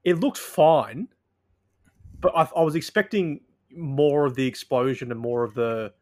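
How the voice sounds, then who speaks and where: A man co-hosting a podcast in casual review chat, explaining calmly with frequent restarts. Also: mid-range voice, measured pace. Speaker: podcast co-host.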